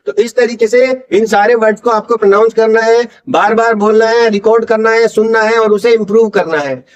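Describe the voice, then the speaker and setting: A man with an Indian accent teaching English pronunciation in Hindi, patiently explaining and slowly drawing out model words for learners to repeat. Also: high voice, lo-fi sound. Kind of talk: Hindi-language pronunciation lesson.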